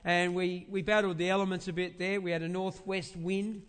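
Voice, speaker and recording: Preaching in a conversational style, a pastor with a big, high-pitched voice keeps a level, clean tone. He repeats phrases in a halting way to stress points and throws out rhetorical questions, all echoing through a large indoor church.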